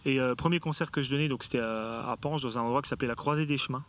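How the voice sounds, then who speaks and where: A man's voice: mid-range voice, racing, fairly bright tone. A man in his thirties, a guitarist and singer from France, chatting casually in an interview and telling his story with many fillers. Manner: friendly, rambling with fillers. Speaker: guitarist and singer, guest musician. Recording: voice from a distance with faint ambient noise.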